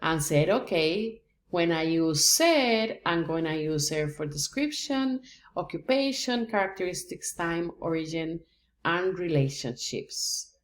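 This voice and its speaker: A woman's voice: lowish voice, lively intonation, a little slow. A woman from Rica, teaching a patient, step-by-step language lesson. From Costa Rica. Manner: patient, explains step by step with examples. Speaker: Spanish teacher. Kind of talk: slow, deliberate language lesson.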